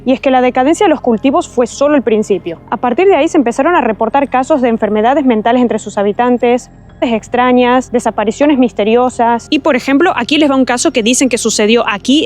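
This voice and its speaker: A woman co-hosting a travel vlog, nervous and playful as she tells spooky stories outdoors in a forest. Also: fairly high pitch. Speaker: vlog co-host. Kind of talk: casual storytelling.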